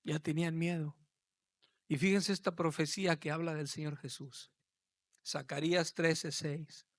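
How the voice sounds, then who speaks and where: A man preaching a sermon as pastor, swelling from low talk to loud, shouted passages. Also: little pitch movement, measured pace, dry recording.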